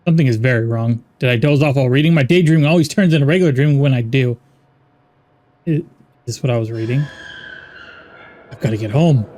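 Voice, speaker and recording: A man's voice: mid-range voice, quick pace, pauses often, darkish tone. A man playing a game on video, reading the dialogue and narration aloud with wry, exasperated quips. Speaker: gaming YouTuber.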